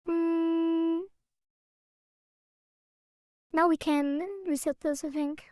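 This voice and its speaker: A woman's voice: very high-pitched, level tone, takes it slowly, darkish tone, no room sound, studio quality. A woman streaming her game development, thinking aloud in half-sentences as she works. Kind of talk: casual livestream while coding.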